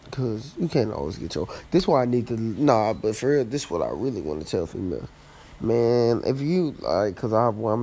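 Gravelly-voiced young man, slangy and rambling. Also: lowish voice, warm tone. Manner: loose, slangy, rambling with frequent restarts. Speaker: podcast host. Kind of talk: casual dating-advice monologue.

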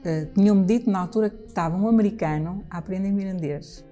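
Halting Portuguese woman, music behind. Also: medium pitch, warm tone. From Trás-os-Montes, Portugal. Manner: halting, many restarts and repeated words. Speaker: jazz singer. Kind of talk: casual interview answers.

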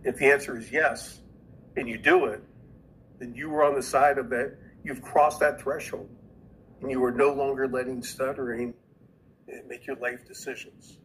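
A man's voice: medium pitch, steady tone, normal speed, fairly bright tone, a little hiss or hum, rough recording. A man who is a podcast guest, earnestly explaining an idea and often repeating words as he goes.

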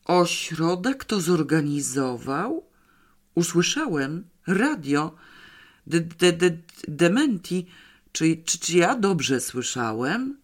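A man's voice: a little high, very animated, slow pace, exaggerated voice. A man doing a stammering, flustered deputy director. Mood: shocked stammering. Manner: stammering badly. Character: flustered middle-aged male deputy director.

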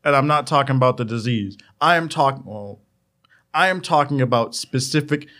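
A man in casual comedic podcast chat, riffing crudely and acting out quick voices. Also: mid-range voice, lively intonation, fairly bright tone.

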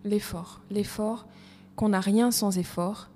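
A woman's voice: medium pitch, fairly even intonation, takes it slowly, warm tone. Reflective woman guest, mid-range voice, reverberant room. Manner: reflective, restarts mid-phrase. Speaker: guest, evaluation coach. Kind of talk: conversational podcast interview. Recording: reverberant room with faint noise.

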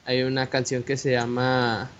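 A young man with a Mexican Spanish accent telling a personal story in casual chat, animated and slangy, with many fillers and restarts. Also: mid-range voice, measured pace. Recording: dull lo-fi audio with faint hiss.

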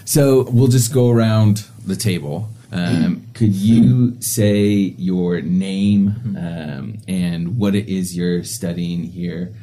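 Deep, mellow American man hosting. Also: slow pace, hardly any pauses. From rural Indiana, USA. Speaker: podcast host, communication professor. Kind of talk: conversational podcast interview.

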